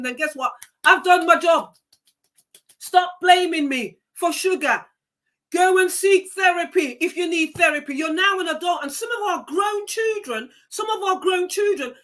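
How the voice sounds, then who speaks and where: On a live stream, a woman host with a bright, high-sitting voice gives a motivational talk while reading viewer comments. She's emphatic and preachy, repeating her key phrases.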